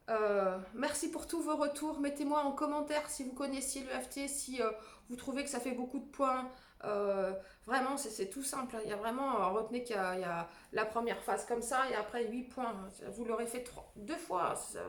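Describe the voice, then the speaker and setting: A woman coaching viewers through a self-help tapping routine, calmly guiding and repeating affirmation phrases. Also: a little high. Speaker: energy wellness coach. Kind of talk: guided self-help demonstration. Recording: echoey room.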